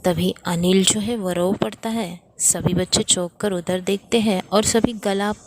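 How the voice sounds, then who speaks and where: Slow-reading woman teacher. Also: medium pitch, fairly even intonation, slight background noise. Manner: explains word meanings, announces page numbers. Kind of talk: reading a textbook play aloud to children.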